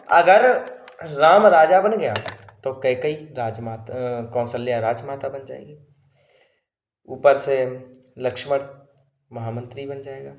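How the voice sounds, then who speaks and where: A man's voice: medium pitch, lightly acted. A man voicing a sly scheming maidservant. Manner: coaxing, urgent advice. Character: scheming old maidservant woman, sly and persuasive. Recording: echoey roomy sound.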